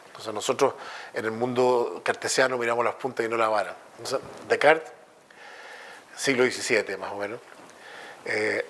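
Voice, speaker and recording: Chilean guy lecturing, animated storyteller, mid-pitch voice. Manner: lively storytelling with jokes and acted dialogue. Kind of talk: public lecture.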